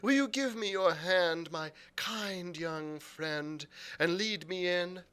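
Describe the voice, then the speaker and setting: A man's voice: sits high, slow pace, pushed and bright, clear, resonant tone, voice pushed up, heavily acted. A man voicing a hunched, sly, menacing old blind beggar in a storybook reading, with an odd sing-song manner. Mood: wheedling. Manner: sing-song, wheedling then sneering.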